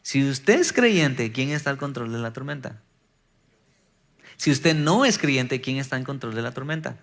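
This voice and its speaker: A man's voice: mid-range voice, expressive, normal speed. A man preaching a sermon as pastor, building to emphatic bursts and acting out quoted prayers.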